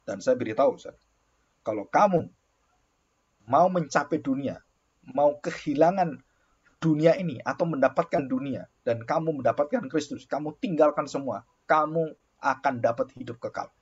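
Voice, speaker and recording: A man's voice: a little high, moderate pace, breathy edge. A male pastor telling a story in a sermon, acting out the dialogue with bursts of exclamation. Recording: dull lo-fi recording.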